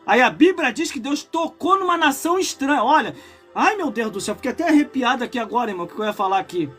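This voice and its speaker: Brazilian pastor in his 40s, live-streamed sermon, pitched high, fervent and prone to shouting, quiet music underneath. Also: lively intonation, fast talker. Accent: Brazilian Portuguese. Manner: impassioned preaching that swells into shouts, broken by chatty asides to viewers.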